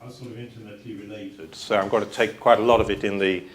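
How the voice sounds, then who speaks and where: A man's voice: fairly low pitch, steady tone, fast talker, slight background noise. A man with a British accent giving a university lecture and answering audience questions in a conversational way, thinking aloud with restarts.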